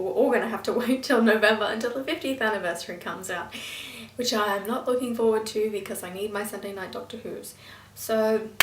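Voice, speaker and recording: An excitable young woman rambles through a casual fan review, full of fillers and side comments. Her voice sits a bit back from the mic, and the room around her rings with a noticeable echo. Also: on the high side, recorded from a distance, a little hiss or hum. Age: young, still in school. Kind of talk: casual chatty review vlog. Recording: roomy echo, voice a little off-mic.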